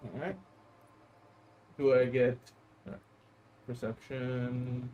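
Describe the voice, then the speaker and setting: A man talking casually as a player in a tabletop game, halting and repeating words as he thinks aloud. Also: mid-range voice, fairly even intonation, poor audio. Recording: music behind the voice.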